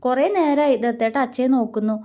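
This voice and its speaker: A woman's voice: on the high side, quick pace, mellow, lightly acted. A woman voicing a mischievous young wife who slyly teases her husband in front of her father. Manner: sly and teasing.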